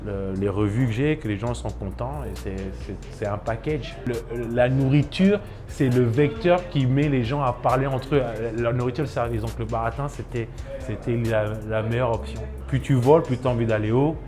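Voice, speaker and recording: Speaking at normal speed in a mid-range voice with music underneath, the man is a chef and restaurant owner from Ivory Coast in his thirties. His documentary interview is marked by frequent hesitations and restarts.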